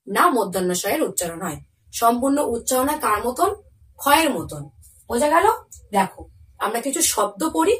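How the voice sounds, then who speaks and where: A woman teaches young children a Bengali lesson, asking the pupils questions, answering them herself, and pronouncing each example word slowly and clearly. Her voice is a little high and she's far from the mic.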